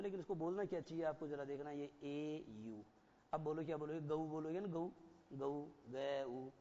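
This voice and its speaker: A man teaching an English lesson to children, reading lines out slowly and explaining them with questions to the class. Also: fairly high pitch. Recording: dull lo-fi sound with long hall reverb.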